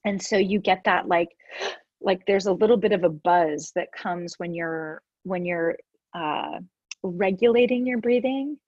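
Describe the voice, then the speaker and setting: A yoga teacher appearing as a guest, a woman with a stuffed-up nose, casually walks through breathing exercises step by step, using "like" as a frequent filler. Her voice is lowish and unhurried, and the sound is lo-fi with no echo.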